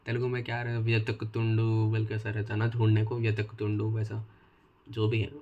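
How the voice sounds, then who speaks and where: A man's voice: on the low side, monotone, normal speed, highs cut off. A young man with a Hyderabadi Dakhini Hindi accent, casually teaching exam tricks and repeating key phrases over and over like chants. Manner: chatty, self-mocking. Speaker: tutor. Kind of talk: casual exam-tips lesson.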